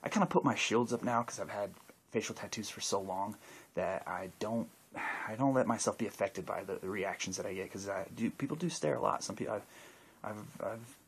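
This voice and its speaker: A man's voice: fairly low pitch, fairly quick, a little hiss or hum. A man talking casually to camera, answering viewer questions in a rambling way with many restarts and fillers. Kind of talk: casual video monologue.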